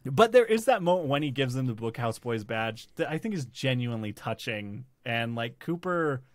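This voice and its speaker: A man hosts a podcast, chatting casually about a TV series and rambling with lots of fillers and restarts. His medium-pitched voice is expressive, his pace normal, and there's no room sound.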